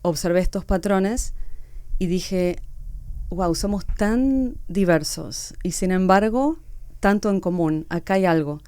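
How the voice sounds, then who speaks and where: A woman's voice: on the low side, takes it slowly, warm tone, clear, resonant tone, no echo. A woman from Argentina with an Argentine accent, speaking earnestly as a guest author in an interview. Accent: Argentine Spanish. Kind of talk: reflective interview talk.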